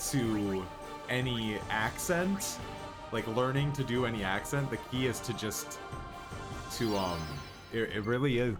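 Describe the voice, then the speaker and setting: Brief: Midwestern streamer, very low voice, loose rambling chat with plenty of ums and likes, game music underneath. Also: male voice. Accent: city Midwest (Wisconsin). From Wisconsin, United States. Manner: rambling, filler-heavy, laughs often. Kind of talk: casual gaming stream commentary.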